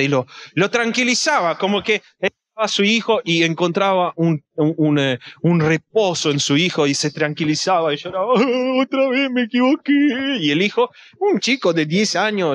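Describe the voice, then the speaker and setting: A man preaching a sermon, animated and acting out little scenes with voices. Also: a little high.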